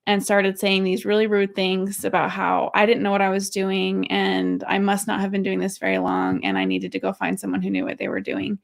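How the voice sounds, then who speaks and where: Gravelly-voiced woman teaching casually. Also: mid-range voice. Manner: candid, conversational, shares personal stories. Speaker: podcast host and marriage course teacher.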